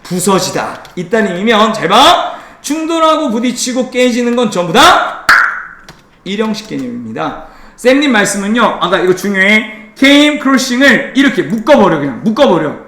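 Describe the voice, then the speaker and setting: A male teacher lecturing a class in a high, lively voice that jumps all over the place. He teases his students and fires quick check-up questions at them. The sound comes from an echoey classroom. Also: slight background noise. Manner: playful teasing, drilling students with quick questions. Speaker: English teacher.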